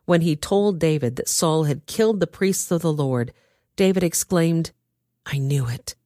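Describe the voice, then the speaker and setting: A woman reading a Bible story aloud with expressive storytelling. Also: low voice, normal speed, dry recording, studio quality. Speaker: scripture reader.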